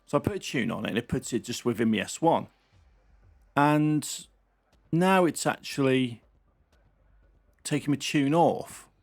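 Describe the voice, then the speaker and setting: A man talks his way through a racing game in a casual, muttering running commentary. His voice sits at a middle pitch for a man. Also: measured pace, creaky, long pauses. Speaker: gaming channel host.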